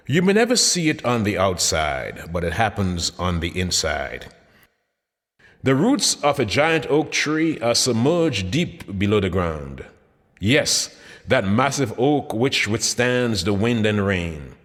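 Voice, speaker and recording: A man narrates his own book as an audiobook, his delivery carrying a sermon-like cadence in which phrases climb and then sink low. He drops in the occasional "uh," and the recording has a long reverb tail.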